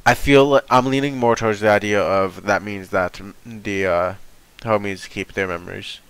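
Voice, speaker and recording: A man's voice: fairly low pitch, steady tone, normal speed, fairly bright tone, clean tone, poor audio. A young man with a stuffy nose from being sick, rambling and thinking aloud as he reacts to a comic chapter. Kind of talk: casual live reaction.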